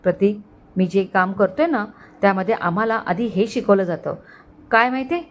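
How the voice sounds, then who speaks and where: A woman's voice: mid-range voice, moderate pace, lightly acted. A woman voicing a cautious, commanding male detective officer in a read-aloud mystery story. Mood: confident.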